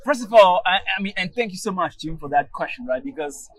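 A man from Togo with a Togolese accent talks casually as a podcast interview guest; he organizes a public speaking group. His high-pitched voice is fairly bright, brisk and lively in intonation. He speaks emphatically, often repeating words and tagging phrases with "right?" and "you know."

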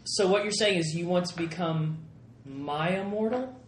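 A man playing a tabletop game, bantering in character in a halting, joking, sometimes profane way. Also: sits high. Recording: echoey room with loud chatter.

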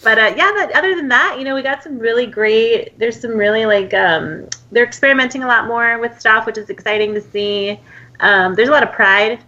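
A woman's voice: fairly high pitch, brisk, bright, forceful tone, highs cut off. A woman from Texas, a podcast guest chatting casually with many fillers and laughs. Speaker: podcast guest, podcast host of her own show. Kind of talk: casual chat.

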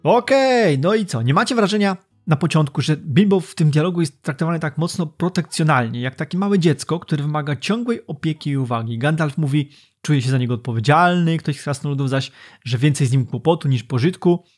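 A man's voice: fairly high pitch, fairly quick, hardly any pauses, a little mellow, breathy edge, soft background music. A man co-hosting a book discussion podcast, explaining in a conversational way. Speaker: podcast co-host.

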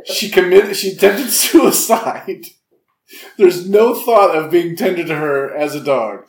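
A man's voice: high-pitched, a little slow, echoey room. A man co-hosting a casual film review podcast, making dry, wry remarks. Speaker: podcast co-host.

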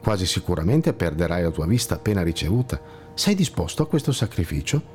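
A man voicing a gentle, kindly blind monk with a slightly ironic touch, who guides a companion with calm reassurance in a storybook tale. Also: low-pitched, quick pace, soft background music.

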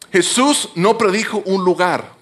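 A man's voice: high voice, a bit bright. A man preaching a sermon in a conversational, explanatory way, often restarting his words. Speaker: pastor.

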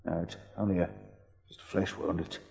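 A man's voice: sits low, fairly even intonation, brisk, vocal fry, darkish tone, breathy edge, in a large hall, exaggerated voice. An actor playing a wounded man on the run who pleads for help, stammering and weak from his injuries. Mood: desperate. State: weak and hurt. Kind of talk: 1940s radio acting.

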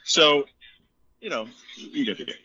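Joking male co-host, out of breath, husky and bright, on a lo-fi call line. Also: on the high side, expressive, measured pace, no echo. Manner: rambling, joking, laughs often. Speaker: co-host giving a venue tour. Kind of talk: casual chat. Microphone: phone on a spotty connection. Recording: dull lo-fi call audio.

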